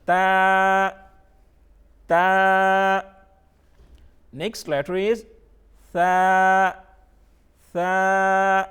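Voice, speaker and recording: A man with a Pakistani accent teaching a televised Quran reading lesson, patiently drilling each letter with slow, drawn-out recitation and English words mixed into his explanations. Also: high voice, darkish tone.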